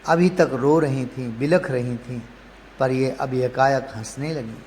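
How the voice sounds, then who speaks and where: A man preaching a devotional story in a measured, emotive way, often addressing the listener directly. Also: medium pitch, fairly even intonation, darkish tone. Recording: long hall reverb, faint background noise.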